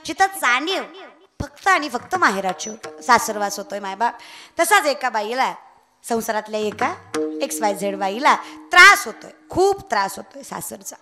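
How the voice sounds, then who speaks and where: A woman's voice: a little high, sing-song, normal speed, pushed and bright, soft background music. A young woman giving a comic devotional kirtan sermon, telling a story, breaking into sung verses and teasing the audience. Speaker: kirtan preacher.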